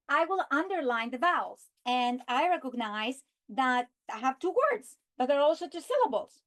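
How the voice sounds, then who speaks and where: Woman walking teachers through a lesson plan. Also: high-pitched. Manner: slow, deliberate delivery, stretching key words when modeling. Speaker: teacher trainer. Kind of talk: instructional walkthrough with modeled lesson script.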